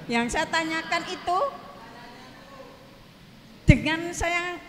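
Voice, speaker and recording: A woman's voice: very high voice, slow pace, slight background noise. Earnest woman telling her story in a hall. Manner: earnest, keeps addressing the teacher respectfully. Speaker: congregant asking a question. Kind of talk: telling a personal story to a teacher. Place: study hall at an Islamic boarding school. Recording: long reverb, faint ambience.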